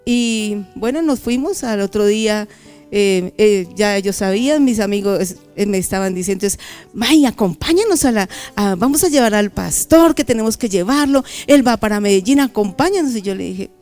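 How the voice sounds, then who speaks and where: A middle-aged woman giving a testimony sermon at a church convention, telling her story with lively acted-out dialogue. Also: mid-range voice, moderate pace, faint music behind. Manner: animated storytelling, acting out dialogue.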